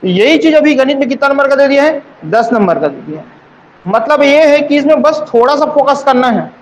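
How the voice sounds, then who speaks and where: Man, coaching teacher, very high voice, repeats points, rhetorical questions. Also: sing-song, brisk, muffled recording, a little hiss or hum. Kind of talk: exam coaching class.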